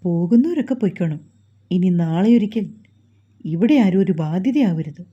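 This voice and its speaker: A woman voicing a gruff, short-tempered grown man in a storybook reading, speaking in a stern and curt way, on a dull lo-fi recording. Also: fairly low pitch, animated, moderate pace, warm tone.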